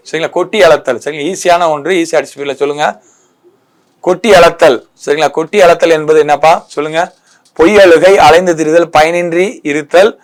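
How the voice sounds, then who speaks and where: A man teaching an exam prep lesson, lively, checking in with listeners and repeating each answer. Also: a little high.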